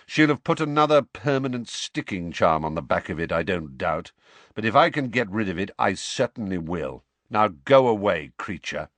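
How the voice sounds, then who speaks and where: A man's voice: lowish voice, sing-song, moderate pace, fairly bright tone, dry recording. A man voicing an impatient, irritable grown man who speaks curtly and with disdain. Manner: curt, snapping, disdainful. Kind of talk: audiobook character voice.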